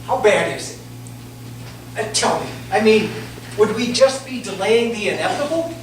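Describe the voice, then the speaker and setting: A woman playing a blunt, plain-spoken patient in a staged play, talking in a halting, colloquial way. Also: a little high, expressive, close to an everyday voice. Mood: anxious, blunt. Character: blunt, plain-spoken cancer patient, parent of grown daughter. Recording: very echoey room, distant mic, clear noise.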